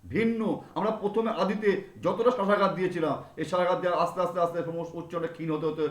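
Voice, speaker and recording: A man's voice: high voice, steady tone, racing. A male teacher giving a classroom grammar lesson, repeating example words over and over to drill them in. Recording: echoey room.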